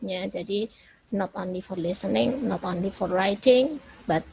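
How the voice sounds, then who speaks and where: A woman's voice: mid-range voice, measured pace, creaky, darkish tone, slight background noise, poor audio. A woman English teacher with an Indonesian accent, lecturing in a chatty way and ending many phrases with small tag words. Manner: chatty, repeats "ya" and "gitu kan" as tags.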